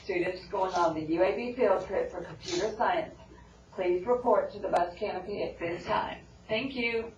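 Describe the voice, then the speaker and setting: A woman's voice: fairly low pitch, moderate pace. A woman making a formal announcement over a school intercom, repeating her call politely. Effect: school intercom loudspeaker. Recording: echoey, distant, dull, noisy.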